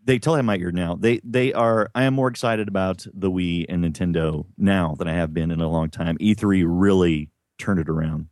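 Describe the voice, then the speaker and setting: Deep-voiced man co-hosting a podcast. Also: steady tone, darkish tone, no room sound, clean studio sound. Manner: playful, quick quips and agreement. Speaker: podcast co-host. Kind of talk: casual podcast chat.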